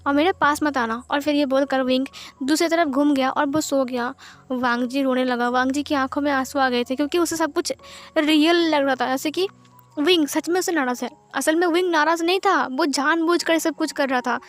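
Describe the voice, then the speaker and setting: A woman narrating a fanfiction story in a chatty, casual way, often adding little fillers. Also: high voice. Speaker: fanfiction reader.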